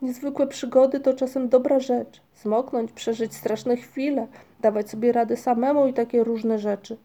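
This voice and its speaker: A woman voices a fussy, ponderous male creature from a children's tale. He holds forth in a measured way with a slightly lifted, gravelly tone. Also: a little high, steady tone, dark tone, voice pushed up, lightly acted. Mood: lecturing.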